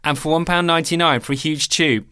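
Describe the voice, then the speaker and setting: A man's voice: a little high, fast talker, sharp tone, smooth, no echo, clean studio sound. A man casually recommending a product on a podcast, candid and conversational. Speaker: podcast host. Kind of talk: casual spoken product tip.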